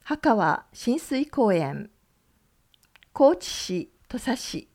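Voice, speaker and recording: A woman radio announcer reading community event notices, working through lists of places and numbers in a measured way. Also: a little high, big pitch swings, a little mellow.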